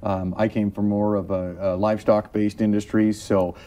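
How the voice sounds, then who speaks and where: Low, mellow-voiced man. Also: level tone, moderate pace. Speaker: auctioneer being interviewed. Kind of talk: casual interview talk.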